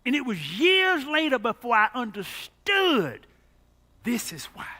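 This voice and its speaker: A male pastor preaching a sermon, telling stories dramatically and swinging widely between low, quiet lines and loud, high ones. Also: wildly swooping pitch, unhurried. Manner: dramatic, storytelling preacher with big pitch swings.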